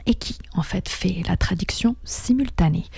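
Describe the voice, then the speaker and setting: A woman hosting a radio talk show, speaking slowly and hesitantly with many pauses and fillers. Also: fairly low pitch, vocal fry, dark tone, husky, no echo, in a whisper. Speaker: radio host.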